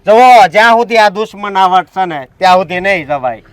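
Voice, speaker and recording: A man's voice: high voice, lively intonation, brisk, fairly bright tone, smooth, no room sound. A man playing a stubborn village enforcer in a short film, bossy and threatening. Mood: stern. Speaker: village strongman blocking the road. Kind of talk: short film drama acting.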